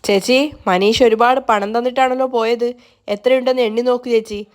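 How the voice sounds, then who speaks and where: A woman's voice: a little high, fairly even intonation, normal speed, lightly acted. A woman voicing a fawning, greedy uncle. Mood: eager. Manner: eager, fawning. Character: scheming greedy middle-aged uncle, fawning.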